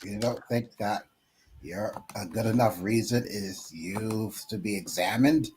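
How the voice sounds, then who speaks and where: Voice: medium pitch, a little slow, darkish tone, a little hiss or hum. A co-host in a casual chat who teases and scolds in a dry way.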